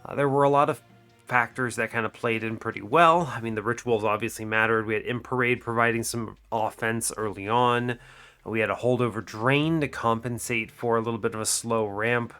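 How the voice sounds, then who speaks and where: With soft music behind him, a young man hosting a gaming channel walks through a card game while sick, rambling and fixing his own mistakes. His medium-pitched, muted, slightly nasal voice is bright, forceful and steady, fairly quick, on a desk microphone.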